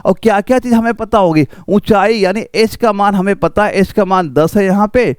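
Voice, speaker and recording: A man's voice: high-pitched, normal speed, smooth, dry recording. A man teaching an exam-prep math lesson, walking students through each step with repeated rhetorical questions.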